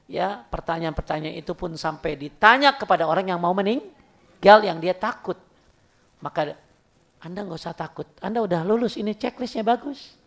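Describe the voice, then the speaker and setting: Guy preaching casually, animated storytelling, plays both sides of conversations. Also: high-pitched, normal speed. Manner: lively storytelling, acts out dialogues. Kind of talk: informal sermon with Q&A.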